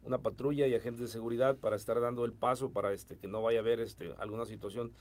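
Fast-talking Mexican man answering questions. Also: medium pitch, steady tone, darkish tone. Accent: Mexican Spanish. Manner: fast, hesitant with many fillers. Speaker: education official. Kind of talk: interview answers.

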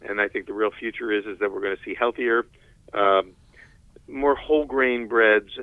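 Halting man on a tinny phone line. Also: fairly low pitch, steady tone, no room sound. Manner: halting, lots of uh's. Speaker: guest expert. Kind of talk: interview answer.

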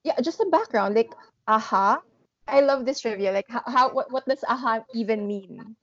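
A woman's voice: a little high, normal speed, fairly bright tone, lo-fi sound. A woman with a Filipino accent hosting a podcast and interview, recorded at home under a blanket. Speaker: podcast host.

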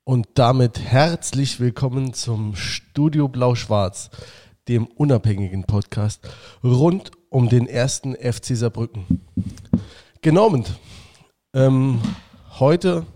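A man's voice: mid-range voice, slow pace, mellow. A man hosting a casual fan podcast over a virtual call, chatting loosely with many fillers and restarts. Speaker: podcast host. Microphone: remote call setup.

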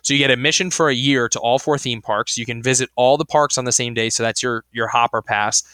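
A man's voice: medium pitch, fairly even intonation, fast talker, bright, forceful tone, clean tone, no echo. A young man co-hosting a podcast in casual chat, rambling with lots of fillers and restarts. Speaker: podcast co-host.

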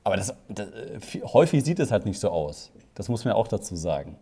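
A man co-hosting a casual podcast, a wedding photographer telling a lively anecdote and acting out quotes. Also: lowish voice, fairly quick, slightly rough. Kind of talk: casual storytelling chat.

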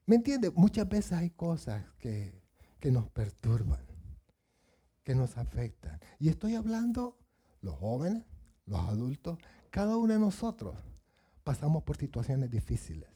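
Husky-voiced man preaching a sermon. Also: medium pitch, mellow. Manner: asks the congregation questions, acts out Bible voices.

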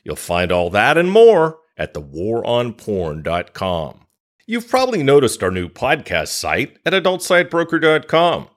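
Here the male podcast host's voice sits at medium pitch with a fairly bright tone as he delivers scripted introductions and promos and questions a guest.

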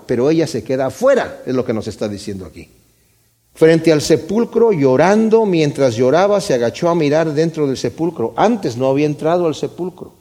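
A man's voice: fairly high pitch, warm tone. A man teaching a Bible study in a conversational way, reading passages aloud and commenting on them.

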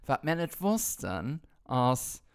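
A man co-hosting a casual podcast, telling a story with lively acted-out quotes. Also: mid-range voice, slow, clean tone. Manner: animated storytelling, acts out quotes and sings snippets. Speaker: podcast co-host.

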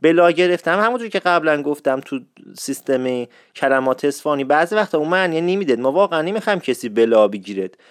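Isfahani guy hosting his own show, playful and chatty, kinda high voice, dry sound. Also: expressive, hardly any pauses, clean tone, no echo. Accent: Isfahani Persian. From Isfahan, Iran. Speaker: host. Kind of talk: casual explanatory monologue.

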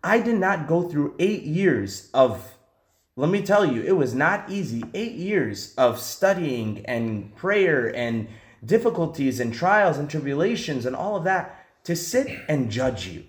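A man's voice: on the high side, big pitch swings, unhurried, echoey room. A man who is a priest, talking earnestly and reassuringly in a podcast discussion. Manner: earnest and reassuring, speaks with emphasis.

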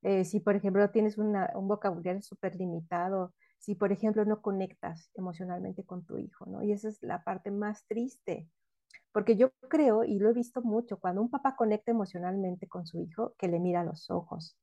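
A woman's voice: medium pitch, fairly even intonation, moderate pace, warm tone, lo-fi sound. A woman, a guest expert explaining emotional education in an interview, often asking questions and answering them herself.

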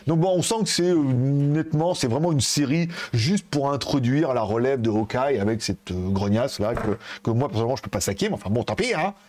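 A man's voice: mid-range voice, animated, a little fast, few pauses, a little mellow. A man hosting a tech news show, rambling in a casual way with many hesitations, laughs and swear words. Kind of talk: casual spoken commentary. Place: at home in Asia.

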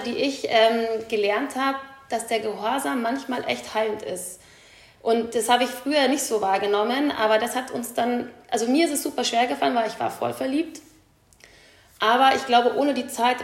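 A woman speaks as an interview guest, candid and chatty. Her voice sits slightly high, and the room adds a noticeable echo. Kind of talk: personal storytelling in a podcast interview. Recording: echoey room.

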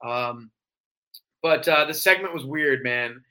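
A man, a podcast guest, telling wrestling stories in a casual, animated way, acting out quotes with sudden jumps in his voice. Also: mid-range voice, takes it slowly, low-quality recording. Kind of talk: casual storytelling.

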